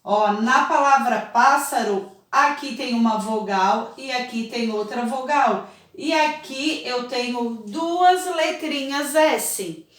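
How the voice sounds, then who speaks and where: A woman teaching a children's spelling lesson, slow and patient, often checking in with her pupils. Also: a little high, a bit bright. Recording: echoey room, voice a bit far from the mic.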